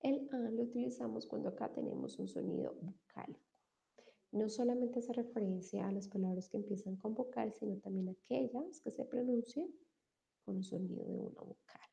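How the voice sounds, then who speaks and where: Woman, English teacher, thirties, gravelly, very mellow, measured examples. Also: on the high side, big pitch swings. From Colombia. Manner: switches between English and Spanish, slow modelled example answers. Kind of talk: bilingual online language lesson.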